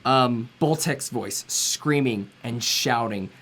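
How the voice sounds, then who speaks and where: A man's voice: medium pitch, takes it slowly, fairly bright tone, a little hiss or hum. A man narrating a tabletop game as game master, rambling with many fillers.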